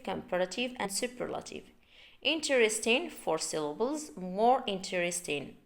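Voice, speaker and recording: A woman teaching English grammar at an unhurried, deliberate pace. Her voice sits at an ordinary middle pitch. She draws words out and repeats them for her learners. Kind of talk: online English grammar lesson.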